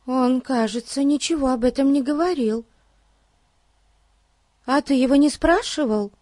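A man putting on a much higher voice to play a curious, inquisitive young girl. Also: unhurried, darkish tone, no room sound, clean studio sound. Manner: high, inquisitive.

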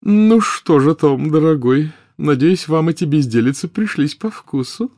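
A man's voice: on the high side, expressive, measured pace, darkish tone, no echo, clean studio sound, pitched above the performer's own voice. A male audiobook reader voicing a silly, doting old witch who gushes over her treasures in fussy exclamations. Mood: gushing. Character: silly gushing rich old witch woman. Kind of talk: audiobook character voice.

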